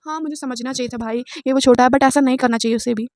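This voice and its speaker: A woman's voice: high-pitched, fairly even intonation, fast, a little mellow, slight background noise. A young woman telling a storytime vlog in a casual, chatty way, laughing often and mixing in English words. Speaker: vlogger.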